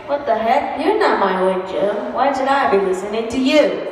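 A woman's voice: a little high, normal speed, lightly acted. A young woman playing a stubborn, scornful, self-assured group member in an amateur stage skit. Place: large event tent stage, distant camera. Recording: very echoey tent, far off, faint noise.

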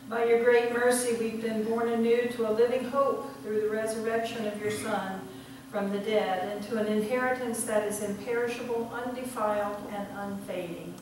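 A woman in her sixties leading church liturgy as pastor, speaking in measured, solemn short phrases with a cathedral-like echo. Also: a little high, fairly even intonation, a little mellow. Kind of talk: prayer and communion liturgy. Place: church sanctuary, indoors at the altar. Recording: very echoey church, distant mic, background noise.

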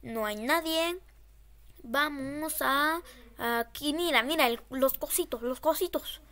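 A frightened female streamer casually commentates on a horror game, nervously repeating short phrases as she plays. Her voice is high and bright, and she speaks slowly, taking her time.

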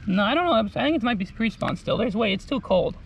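A man's voice: high voice, expressive, fast talker, dull audio, a crowd in the background. A young man chatting casually while fishing, informal and slangy, recorded outdoors on an action camera. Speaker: angler in a fishing vlog. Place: outdoors on a lakeside pier and rocky shore.

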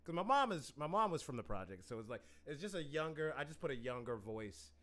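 A man's voice: on the high side, very animated, fairly quick, a bit bright. A man hosting a casual interview, joking and teasing his guest and laughing often. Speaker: host.

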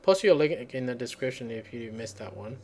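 Rambling man demoing software at his keyboard. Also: medium pitch, expressive, a little fast, slight background noise. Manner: rambling, thinks aloud and searches for words. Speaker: software tutorial host. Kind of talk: casual screencast tutorial. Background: computer keyboard typing.

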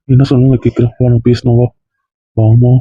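A man's voice: mid-range voice, little pitch movement, quick pace, husky, no room sound, highs cut off. A man playing a remorseful young husband in an amateur family drama, talking in a pleading, apologetic way. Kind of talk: amateur web-series acting.

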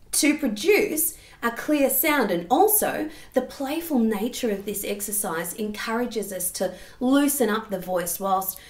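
A woman giving a singing lesson, explaining technique and demonstrating sounds. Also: fairly high pitch. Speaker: singing teacher. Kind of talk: vocal lesson. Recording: roomy echo.

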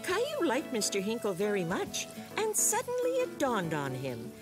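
An actress as a kindly storyteller, narrating a children's cartoon from a script. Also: female voice, a little high, wildly swooping pitch, moderate pace, music in the background. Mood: storytelling.

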